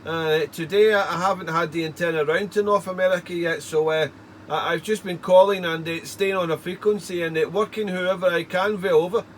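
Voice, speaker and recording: A man's voice: high voice, a little fast. A man working as an amateur radio operator chats casually with call signs, rambling in a stop-start way and repeating words. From United Kingdom. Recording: faint steady background noise.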